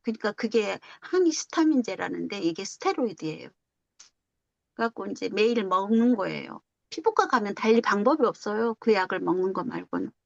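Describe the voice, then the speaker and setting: A woman's voice: medium pitch, animated, brisk, vocal fry, no room sound. A middle-aged woman telling a personal story at a religious gathering, acting out dialogue and laughing often. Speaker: lay member sharing a story at a meditation gathering. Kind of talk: casual storytelling testimony. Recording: dull lo-fi close recording.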